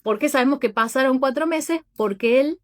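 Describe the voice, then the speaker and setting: Higher-voiced woman telling a reflective story. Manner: thoughtful, unhurried storytelling that addresses listeners directly. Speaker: podcast host. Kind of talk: reflective podcast monologue retelling a Bible story.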